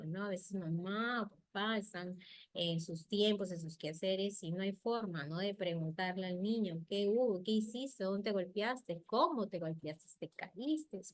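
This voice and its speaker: A middle-aged woman, a speech therapist giving a lively health talk on child language. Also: medium pitch, dry recording. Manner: lively, acts out parents' and children's voices.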